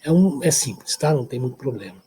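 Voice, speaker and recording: Explanatory São Paulo lecturer. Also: male voice, mid-range voice, lively intonation, fast talker, mellow, a little hiss or hum. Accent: Brazilian Portuguese, São Paulo. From São Paulo, Brazil. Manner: explanatory, checks in often with "tá certo?" and "né?". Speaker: university lecturer. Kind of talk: recorded online lecture.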